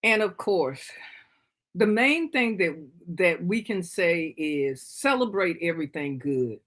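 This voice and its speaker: A woman in her fifties gives a workshop talk about caring for family, her voice bright and clear. She speaks conversationally, telling stories in an easy, relaxed way. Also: lowish voice, slow pace. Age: 50s. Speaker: workshop presenter, family caregiver. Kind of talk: presentation talk.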